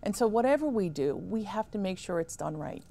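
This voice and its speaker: A woman in her fifties, a town supervisor answering questions in a studio interview, speaking in a measured, emphatic way on a lapel mic. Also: medium pitch, lively intonation, creaky, warm tone. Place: small studio set with armchairs.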